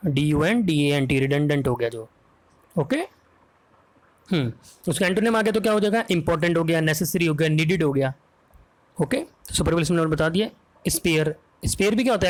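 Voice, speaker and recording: Indian man teaching vocabulary, slightly high voice. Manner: explains slowly, spells words letter by letter, asks "ok?" and "है ना?" often. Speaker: English grammar teacher. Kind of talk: exam-prep vocabulary lesson in Hindi with English words.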